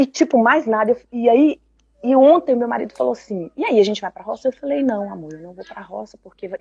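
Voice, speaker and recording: A woman's voice: mid-range voice, a little mellow, breathy edge, dry recording, muffled recording. A woman caller in a Q&A, talking at length about her family and quoting the conversations she had. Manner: talkative, recounts dialogue, laughs often. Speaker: caller asking for advice. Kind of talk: personal account in a live Q&A.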